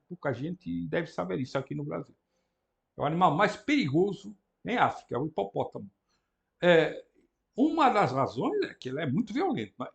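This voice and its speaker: A man with a European Portuguese accent teaching a Greek lesson, explaining patiently, often tagging his sentences with a question and repeating key words slowly. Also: a little high, vocal fry. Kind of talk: classroom lecture.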